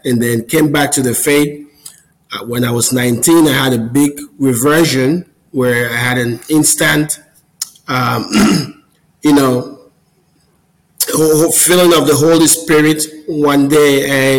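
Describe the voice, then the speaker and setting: A man in his forties from Cameroon speaks as a guest over a video call. His voice sits at an ordinary middle pitch, and his delivery is friendly and earnest. He talks through a long personal story at an easy conversational pace. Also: poor audio. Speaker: podcast guest. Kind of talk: casual interview storytelling.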